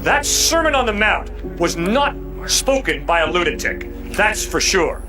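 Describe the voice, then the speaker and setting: Very animated yet measured in pace, this high-pitched man argues like a passionate street apologist at an open-air debate. He speaks emphatically and casually, relying on rhetorical questions, with music playing plainly behind him.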